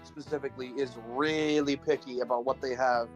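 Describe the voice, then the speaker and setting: A man's voice: medium pitch, fairly even intonation, brisk, soft background music. A man chatting casually about games, explaining his points with repeated lead-ins. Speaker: co-host playing a game. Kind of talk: casual gaming chat.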